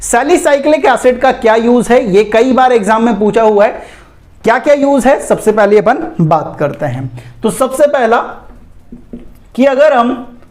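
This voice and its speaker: A man from India teaching an exam-prep chemistry lecture in a chatty way, calling his students "beta" and "bhai" and checking in with "theek hai" again and again. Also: very high-pitched. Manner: keeps repeating "theek hai" and "ye dhyan rakhen".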